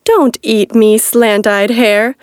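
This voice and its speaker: A woman voicing a cheeky, boastful little bun from a storybook, chanting its song in a slow sing-song. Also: fairly high pitch, steady tone, darkish tone, no room sound, clean studio sound.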